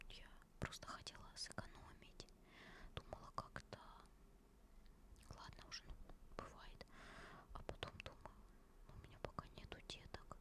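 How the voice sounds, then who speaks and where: Woman in a soft, tender ASMR whisper. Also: moderate pace, pauses often. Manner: tender, caressing endearments to listeners. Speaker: ASMR host. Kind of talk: whispered ASMR, casual personal chat.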